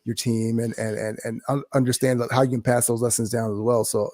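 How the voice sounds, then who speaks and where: A man's voice: mid-range voice, flat delivery, a little fast, darkish tone, dry recording. A man hosting a podcast interview, encouraging his guest and reflecting on the lessons he shares. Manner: encouraging, frequent affirmations. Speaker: podcast host. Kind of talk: casual interview.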